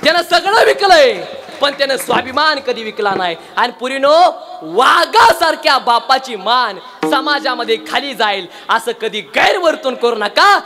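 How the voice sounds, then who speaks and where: Young man, devotional preacher, very high pitch, impassioned, repeats lines, shouts for emphasis. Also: very animated, moderate pace, faint music behind. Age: young adult. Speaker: kirtan preacher. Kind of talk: devotional sermon with storytelling.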